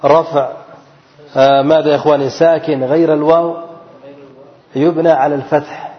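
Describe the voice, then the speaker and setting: A fairly high-voiced man teaches grammar to a class, firing questions at the room and answering them himself. His voice carries a long reverb from a large hall. The recording sounds dull and lo-fi. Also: little pitch movement. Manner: asks the class questions and repeats the key answer; stretches out example words slowly. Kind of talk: classroom grammar lesson with call-and-response questions.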